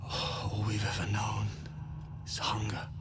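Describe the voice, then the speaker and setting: An actor playing a starving, broken vampire victim in a video game, pleading weakly in a breathy, gravelly whisper with slow, halting, weary delivery. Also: low-pitched, little pitch movement, heavy background noise. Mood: haunted, bitter. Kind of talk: video game character acting.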